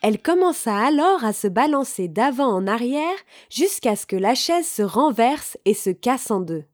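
A woman reading a children's story aloud, slowly and expressively, with clear articulation. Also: a little high, sing-song, a little mellow.

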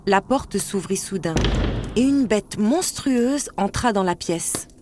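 A woman narrating a children's storybook in a steady read-aloud delivery. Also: medium pitch, takes it slowly, noisy background. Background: background music.

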